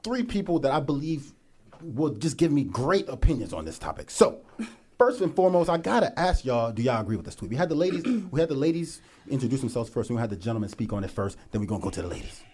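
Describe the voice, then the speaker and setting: Young male podcast host, hype and slangy, fast and animated delivery. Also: medium pitch, slightly rough. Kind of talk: casual podcast chat.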